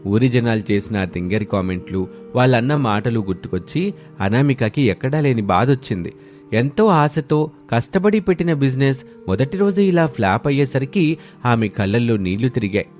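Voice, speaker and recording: A man narrates a cartoon story in a steady, scripted way at a medium pitch. Faint music plays underneath his voice. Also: normal speed.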